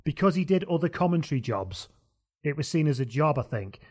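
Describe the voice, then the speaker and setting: A man's voice: a little high, very animated, a little fast, a little mellow. Chatty man hosting a football podcast. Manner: chatty, laughs often. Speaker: podcast host. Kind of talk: casual chat.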